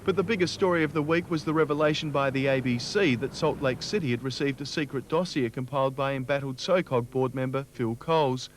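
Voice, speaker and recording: A man's voice: medium pitch, fairly quick, few pauses, a little hiss or hum. A man with an Australian accent hosting a sports show, reading scripted sports news.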